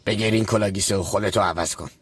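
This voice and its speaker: A man's voice: lowish voice, steady tone, husky, no room sound. An actor playing a scheming con man in a dubbed TV drama, coaxing and smug as he drills his accomplice.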